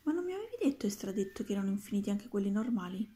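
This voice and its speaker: A woman's voice: mid-range voice, sing-song, very fast, mellow, lightly acted. A woman voicing a curious, doubtful schoolboy in a storybook, who protests and questions.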